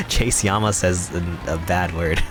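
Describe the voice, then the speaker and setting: A man's voice: low-pitched, sing-song, slow, over music. A young man streaming a game live, chatting casually with his viewers in a rambling, giggly, playfully mock-serious way. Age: young adult. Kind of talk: casual live-stream chat while gaming.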